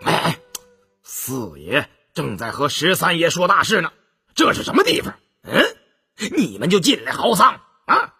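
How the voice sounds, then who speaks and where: A fussy household steward barking orders, as a male storyteller puts him on, voice pitched high and sharp, huffy and loud. a storybook servant with a husky rasp. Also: huge pitch swings, a little slow, in a large hall, full character voice. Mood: scolding. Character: bossy household steward scolding.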